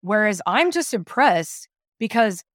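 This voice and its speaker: Her medium-pitched voice unhurried, a Southern woman co-hosting a casual TV recap podcast argues emphatically, animated and full of opinions. The recording is dry and clean, studio quality.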